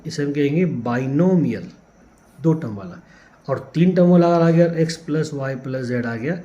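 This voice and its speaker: Teaching maths at the board, an Indian man with a slightly high but dark-toned voice works through the lesson step by step, patiently counting aloud. The audio is a little dull and lo-fi, with some faint noise in the background.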